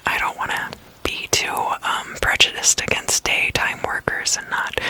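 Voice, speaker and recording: Slow, soft whispering astrology reader. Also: low-quality recording. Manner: whispering throughout; slow, thoughtful, with many fillers.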